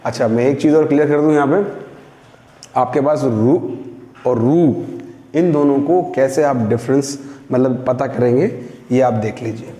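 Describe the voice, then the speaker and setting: Patient teacher drawing out syllables slowly. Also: male voice, mid-range voice, warm tone. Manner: slow drawn-out syllables for learners to repeat; patient explaining, prompting pupils to repeat. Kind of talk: Hindi reading lesson for beginners. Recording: echoey room with long reverb.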